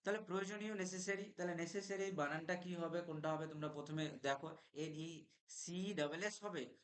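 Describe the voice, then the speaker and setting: A male teacher gives an exam revision lesson, spelling each word out slowly, letter by letter. His voice sits a little high for a man, and he keeps checking in with his students. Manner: explains step by step, spells words out letter by letter, often checks "okay?".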